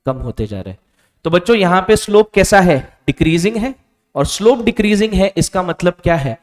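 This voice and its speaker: A male physics teacher giving a board lecture, asking questions and quietly answering them himself. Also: sits high, expressive, a little fast. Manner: stretches out key answer words softly. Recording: reverberant room.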